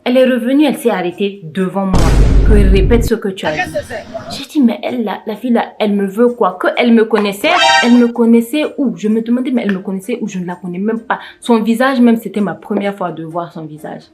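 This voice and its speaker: A woman's voice: medium pitch, quick pace, over loud music. Tired young woman, rambling storytime. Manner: rambling, with frequent restarts and self-corrections. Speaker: vlogger telling a personal story. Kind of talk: casual storytime vlog.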